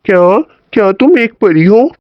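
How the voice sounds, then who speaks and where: A man's voice: sits high, animated, a little slow, no echo, dull audio. A man voicing a chatty, kindhearted young momo seller in a cartoon story, exclaiming and grumbling as he talks. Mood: warm.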